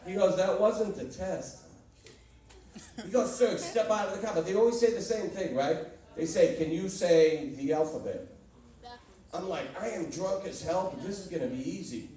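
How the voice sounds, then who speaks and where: On a comedy club stage, a man from Boston, USA, with a Boston accent delivers a set of brash, punchy stories and banter with the audience. He sounds high-pitched, animated and mellow, speaking at normal speed. Crowd laughter and chatter fill the echoey, far-off recording.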